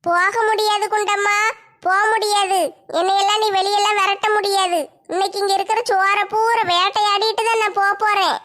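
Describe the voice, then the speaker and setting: A woman plays a possessed villager in a comedy skit who struts as a self-crowned king. She drags her words out slowly and pompously. The voice sits very high. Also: little pitch movement, fairly bright tone. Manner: slow, pompous, demanding.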